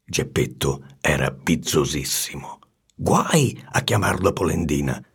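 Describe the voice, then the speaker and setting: A man with a raspy, gravelly voice reading a storybook aloud in an expressive, animated way. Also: a bass voice, measured pace. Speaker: narrator.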